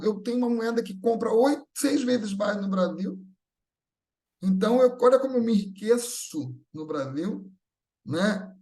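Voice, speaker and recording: At a Spiritist gathering, a Brazilian guest speaker with a Brazilian Portuguese accent offers an off-the-cuff religious talk. He sounds earnest and reassuring, often building through repeated phrases, in a fairly high, slightly mellow voice.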